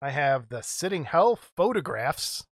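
A man's voice: on the high side, sing-song, measured pace, no echo, studio quality. A middle-aged man co-hosting a casual show-and-tell about model kits, rambling and chuckling as he goes. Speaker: co-host of a model kit show.

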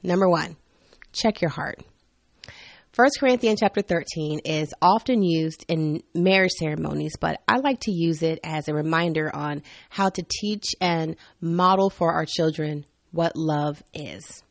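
Lively, laughing woman telling stories. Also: low-pitched, unhurried, vocal fry, no room sound. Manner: animated, laughs often, candid and humorous. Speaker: podcast host. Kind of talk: personal storytelling monologue.

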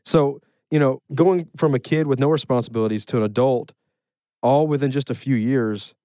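Guy running a podcast chat, warm mellow voice, tosses out questions. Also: mid-range voice, moderate pace, no echo. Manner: leads topics, asks questions. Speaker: podcast host. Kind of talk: casual chat.

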